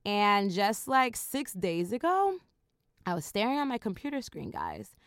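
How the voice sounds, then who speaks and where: Lively, slangy woman in her thirties. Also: medium pitch, a little slow, no room sound, studio quality. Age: 30s. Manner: animated, slangy, laughing, swearing freely. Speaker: podcast host. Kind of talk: casual solo podcast monologue.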